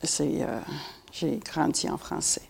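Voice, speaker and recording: Older Québécoise panel guest, low gravelly voice, chatty, faint hiss behind. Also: female voice, little pitch movement, takes it slowly, a little mellow. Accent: Québécois French. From Montreal, Quebec. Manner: chatty, many fillers. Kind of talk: casual panel talk.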